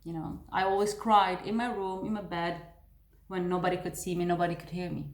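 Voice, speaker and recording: A woman's voice: lowish voice, level tone, brisk. A woman vlogger telling a personal story to the camera in an earnest, confiding way, often restarting her sentences. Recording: roomy echo.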